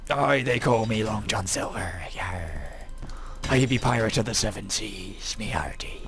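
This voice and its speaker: A man putting on the voice of a gruff old male sea pirate, growling his pirate talk. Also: lowish voice, expressive, measured pace, faint music behind. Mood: swaggering.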